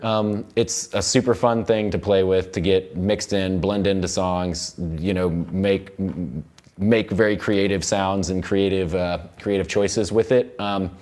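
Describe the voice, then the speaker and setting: In an indoor recording studio control room, an American man in his thirties gives a casual, loosely phrased live tutorial as a music production instructor. His voice is on the low side and a little mellow.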